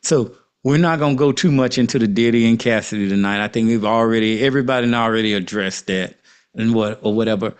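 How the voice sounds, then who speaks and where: A man's voice: on the low side, fast, smooth. Man with an Arkansas accent hosting casually. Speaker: host. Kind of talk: casual panel chat.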